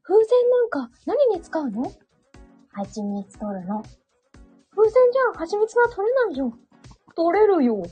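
A woman voicing a gentle, childlike male cartoon bear who speaks slowly and dreamily. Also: very high voice, big pitch swings, highs cut off, soft background music, heavily acted. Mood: dreamy.

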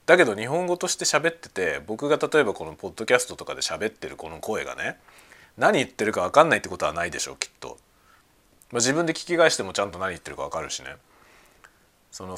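A man hosting a casual podcast chat, talking excitedly at home while he cooks and eats lunch. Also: fairly low pitch. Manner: excited, talkative. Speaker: podcast host. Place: at home, cooking and eating lunch.

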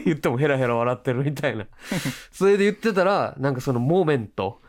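A young man with a Kansai accent co-hosting a comedy radio chat, telling animated stories full of acted-out quotes and laughter. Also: mid-range voice, normal speed. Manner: animated storytelling, acts out others' lines, laughs often. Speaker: comedian co-host.

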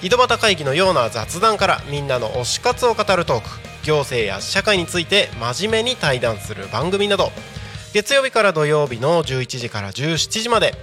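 A man in his thirties hosting a live community radio show from a small studio, with an upbeat announcer delivery that slips into relaxed, chatty asides. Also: a little high. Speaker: radio host.

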